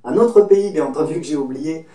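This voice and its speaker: A man's voice: on the high side, brisk, dark tone. A man from France in his thirties, hosting a casual advice talk to camera, chatty and friendly, drawing on his own travels. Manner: chatty, friendly, speaks from personal experience. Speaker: host giving travel advice. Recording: echoey room, mic set at a distance.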